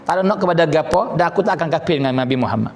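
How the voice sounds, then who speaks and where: A preacher plays a devout captive who refuses every offer in a low, steady, defiant voice. He speaks with a Patani Malay accent. An echoey hall carries a long reverb behind him. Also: very fast, vocal fry.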